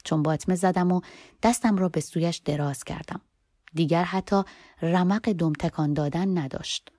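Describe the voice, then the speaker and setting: Woman audiobook narrator, low warm voice, soft expressive reading, dry close recording. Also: no echo. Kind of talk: first-person novel reading.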